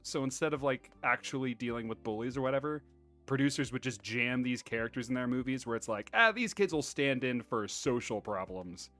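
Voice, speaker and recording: A man's voice: mid-range voice, a bit bright. A man co-hosting a casual podcast chat, joking and laughing often. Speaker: podcast co-host.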